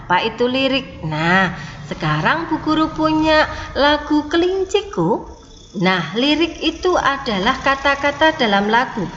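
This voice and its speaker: A woman's voice: high voice, big pitch swings, a little slow, a bit bright, big-room sound, dull audio, a little hiss or hum. A woman teaching a class of young children online, explaining patiently and often saying "nah" and "ya". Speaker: primary school teacher.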